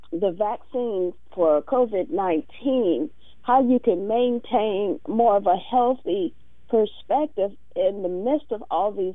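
An American woman with a raspy, sandpapery voice, hosting a conversational call-in radio show in a halting, reflective way. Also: mid-range voice. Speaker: radio talk show host. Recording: muffled, roomy phone-like radio sound.

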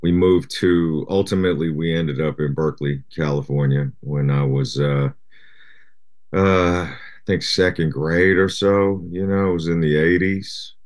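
Very deep-voiced relaxed man. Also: unhurried. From Japan. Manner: relaxed, rambling, many "you know" fillers. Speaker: guest rapper. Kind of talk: casual interview chat.

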